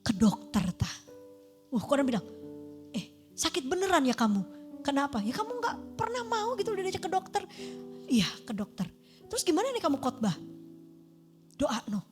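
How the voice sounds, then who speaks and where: A woman, a pastor telling a testimony in a sermon and acting out the voices in her story. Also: sits high. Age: 50s. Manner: animated storytelling, acting out dialogue.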